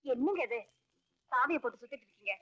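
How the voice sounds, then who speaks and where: A feisty, sharp-tongued wife in old film comedy. Her voice is high and bright. The sound is dry and muffled, with music underneath. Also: lively intonation, fast, no echo. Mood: scolding. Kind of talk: 1980s Tamil film comedy dialogue.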